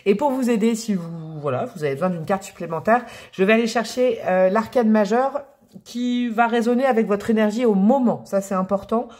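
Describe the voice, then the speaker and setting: A woman's voice: medium pitch, brisk, darkish tone. A woman giving a casual tarot card reading to her viewers, chatty and affectionate, calling them pet names and gushing over the cards. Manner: enthusiastic, often exclaims over the cards. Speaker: tarot reader.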